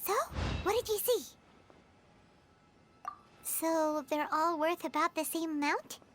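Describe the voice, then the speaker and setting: A woman voicing a tiny, childlike fairy companion in a video game, squeaky, chirpy, eager and nosy. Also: takes it slowly, slight background noise. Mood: uneasy, curious. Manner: refers to self in third person, chirpy. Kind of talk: video game character acting.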